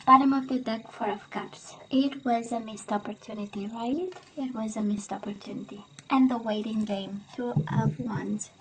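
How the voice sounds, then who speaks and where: A woman doing a casual tarot love reading, hoarse as she loses her voice, often clearing her throat and tagging her sentences with "right?". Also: a little high, steady tone, normal speed, hardly any pauses, a little hiss or hum, rough recording. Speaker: tarot reader.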